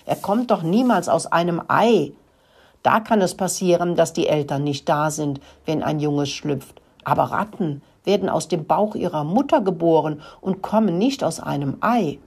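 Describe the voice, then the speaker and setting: A woman's voice: low voice, normal speed, a little mellow, breathy edge. A woman voicing a young boy mouse explaining earnestly in a storybook reading.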